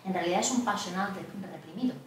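A woman leading a body psychotherapy workshop, lecturing a group in an animated, digressive way and asking them questions. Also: on the low side, quick pace. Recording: echoey room, distant mic, background noise.

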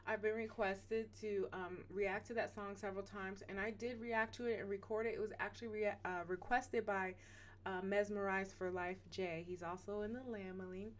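A woman hosting a reaction vlog, chatting playfully and animatedly straight to her viewers. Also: medium pitch. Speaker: reaction channel host.

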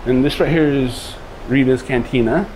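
Man, travel vlogger, easygoing rambling talk, mid pitch, handheld camera, noisy dining room behind. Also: moderate pace. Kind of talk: casual walkthrough narration. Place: ship buffet restaurant, indoors.

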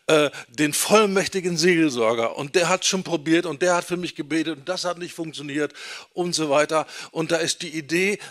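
A middle-aged man preaching a teaching sermon in a church, emphatic, slowing down and repeating key phrases for stress. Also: fairly high pitch, fairly bright tone. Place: church hall.

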